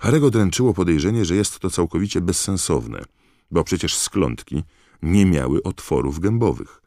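A man narrates an audiobook with a measured, expressive storytelling manner. His voice is extremely deep and recorded close and dry. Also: no room sound. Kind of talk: scripted narration.

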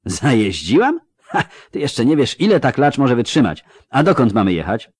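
A man's voice: medium pitch, big pitch swings, normal speed, breathy edge, no room sound, studio quality. A man voicing a proud, angry young woman who protests in heated, indignant outbursts.

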